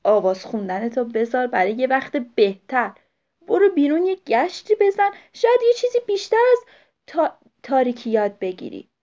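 A woman's voice: sits high, big pitch swings, dark tone, dull audio. Woman doing a patient, scolding mother owl. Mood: gently scolding.

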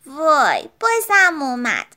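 A woman's voice: high-pitched, wildly swooping pitch, pushed and bright, full character voice. A woman voicing a little schoolgirl who speaks earnestly and plaintively. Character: little schoolgirl, hurt but standing up.

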